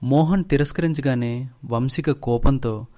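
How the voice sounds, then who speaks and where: Man, storybook narration, steady, measured, mellow tone. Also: mid-range voice.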